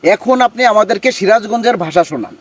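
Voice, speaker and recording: Fast-talking formal male interviewer. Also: sits high, expressive, a little hiss or hum. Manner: formal, praising, standard Bengali. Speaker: interviewer, journalist. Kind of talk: interview, presenter.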